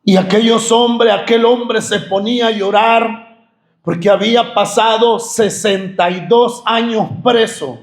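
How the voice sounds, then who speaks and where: A male pastor preaching a sermon with fervor, often raising his voice to a shout and repeating phrases for emphasis. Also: sits high, fairly even intonation, a little slow, roomy sound. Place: church.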